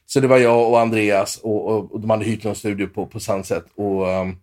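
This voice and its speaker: Animated Swedish man telling stories. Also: fairly low pitch. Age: 50s. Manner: animated storyteller with many restarts and fillers. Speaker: guitarist guest. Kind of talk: storytelling interview.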